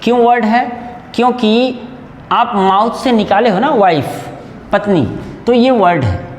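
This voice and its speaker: A high-pitched man gives a slow, patient grammar lesson, repeating each sound and spelling words out bit by bit. He sounds a little nervous. His voice rings in a roomy space with a long, hanging reverb. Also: lively intonation, slight background noise. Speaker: English teacher. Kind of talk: casual Hindi-language grammar lesson. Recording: echoey room with long reverb.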